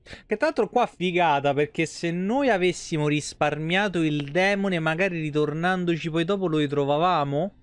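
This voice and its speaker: A game streamer of about thirty gives casual, slangy, sweary live commentary on a game from an indoor streaming room at home. His voice sits on the high side, clear and resonant, at a normal speed, in a dry recording.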